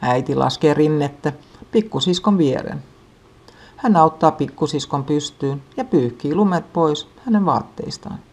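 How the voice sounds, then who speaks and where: A woman reading a children's story aloud in a calm, even way. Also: low voice.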